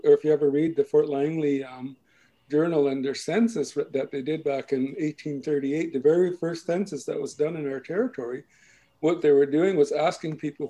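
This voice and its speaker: A man with a slightly high, mellow voice explains things in a slow, patient way. He often pauses to check that the listener is following. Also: poor audio. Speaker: language and culture speaker. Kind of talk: explanatory talk.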